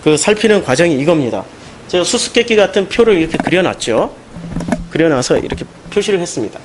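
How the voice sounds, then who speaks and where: A man preaching a Sunday sermon as pastor, animated and emphatic, with questions put to the congregation. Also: on the high side, fairly quick, noisy background. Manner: animated, rising into emphatic questions and mocking quotes.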